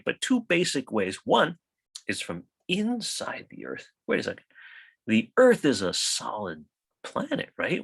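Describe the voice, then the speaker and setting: A man giving a college science lecture, lively and chatty, often checking in with "right?" and asking his class questions. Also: mid-range voice, creaky, breathy edge, no echo, rough recording. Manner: animated, rhetorical questions with frequent "right?". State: coughing, hiccups.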